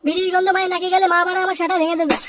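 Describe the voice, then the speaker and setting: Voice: very high-pitched, flat delivery, very fast, distant mic, heavy background noise. A performer voicing a sulky teenage boy who snaps and swears at his friend, then pleads with his father. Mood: wary. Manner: snappy, swearing, whiny when scolded. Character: sulky teenage boy, newly tempted to smoke. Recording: loud background music.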